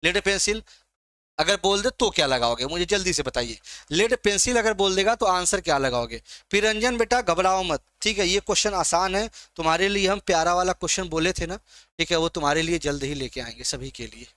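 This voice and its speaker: Bright-voiced man teaching a live class. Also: high-pitched, lively intonation, fairly quick, no room sound. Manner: coaxing, teasing students by name. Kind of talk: live online exam-prep class.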